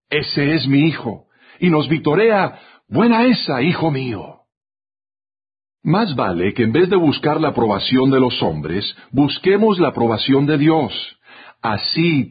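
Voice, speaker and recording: A man's voice: fairly high pitch, husky. A man delivering a scripted radio reflection as a commentator, telling a story and acting out the quotes. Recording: dull lo-fi radio sound.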